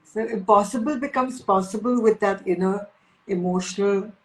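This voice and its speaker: A woman's voice: mid-range voice, moderate pace. An Indian-accented woman speaking enthusiastically in a spiritual talk, repeating key phrases for emphasis. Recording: echoey room.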